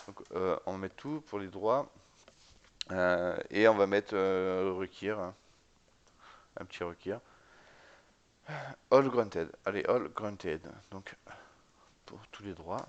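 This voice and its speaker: Lower-voiced man explaining server setup. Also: muffled recording. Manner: casual, many fillers, spells out commands letter by letter; often checks in with "d'accord?". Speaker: tutorial instructor. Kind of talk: screen-recorded command-line tutorial.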